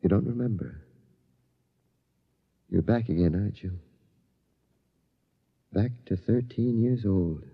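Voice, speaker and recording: A man's voice: lowish voice, takes it slowly, vocal fry, pauses often, slightly rough, heavily acted. An actor playing a worried, determined middle-aged father in an urgent, earnest 1950s radio drama style. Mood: anguished. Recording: muffled old radio broadcast.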